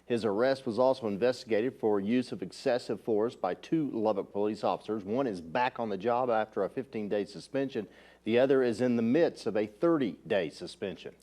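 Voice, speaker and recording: A man's voice: on the low side, a little fast, warm tone. A man reading news copy as a news anchor, in a formal anchor delivery.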